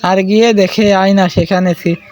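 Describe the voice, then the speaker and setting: A man with a fairly high voice reads a romantic story aloud, plain and even. He speaks each character's name before their line instead of changing his voice much. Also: moderate pace, slight background noise.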